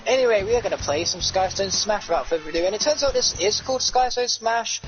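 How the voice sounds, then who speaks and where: A man's voice: high-pitched, animated, fast talker. A man giving wordy, emphatic live game-stream commentary in a casual, chatty way. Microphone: headset. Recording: muffled glitchy headset under loud music.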